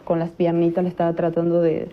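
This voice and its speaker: A woman recounting events in an interview, halting and full of fillers and restarts, on a dull lo-fi recording. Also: lowish voice, completely flat delivery, slight background noise. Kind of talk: recounted testimony.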